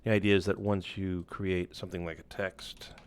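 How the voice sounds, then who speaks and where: A man walking through a software tool in a casual screen-share tutorial, loose and relaxed, with many fillers and restarts. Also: deep voice, moderate pace, a little hiss or hum. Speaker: instructor.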